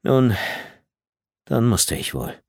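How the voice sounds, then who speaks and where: A man reading a children's audiobook aloud in an expressive storytelling manner, recorded close on a studio mic. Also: medium pitch, slow pace, vocal fry, no room sound. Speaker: audiobook narrator.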